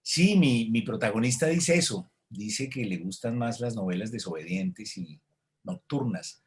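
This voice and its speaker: Reflective, low-voiced man. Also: animated, a little slow. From Colombia. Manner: reflective, many hesitations and restarts. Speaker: author, interviewee. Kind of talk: thoughtful conversational answer.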